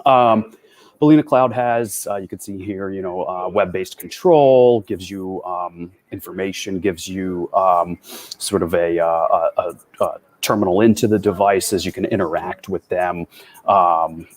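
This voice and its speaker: Upbeat, low-voiced man presenting at a tech meetup. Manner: fast, upbeat and conversational. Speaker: developer advocate presenter.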